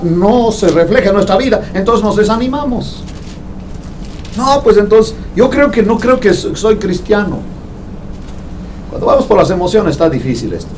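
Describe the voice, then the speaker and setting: A man's voice: high-pitched, a little mellow, far from the mic, slight background noise. A man preaching a sermon to a congregation in a conversational way, joking with them as he goes. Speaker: pastor. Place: church hall.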